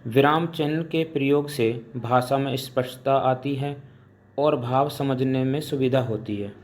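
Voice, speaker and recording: A man teaching Hindi grammar in a slow classroom lecture. He pauses between items and reads each example out slowly before he explains it. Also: medium pitch. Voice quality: deliberate, pausing between listed items. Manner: dictating examples slowly, then explaining them.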